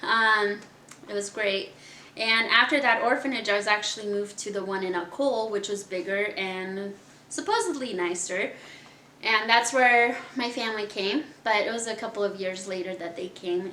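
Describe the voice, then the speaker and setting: A woman's voice: medium pitch, a bit bright, slight background noise. A young woman from Kazakhstan hosting her own podcast, telling her life story in a chatty, candid way and laughing often. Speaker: podcast host. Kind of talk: casual personal storytelling. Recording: echoey room.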